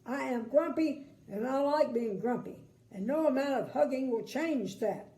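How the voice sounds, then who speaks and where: A woman voicing a grumpy, stubborn male storybook character who protests loudly, in a roomy home recording. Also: high voice, moderate pace, pitched above the performer's own voice. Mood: grumpy, defiant. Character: grumpy bad-tempered man, storybook character. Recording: roomy echo, faint background noise.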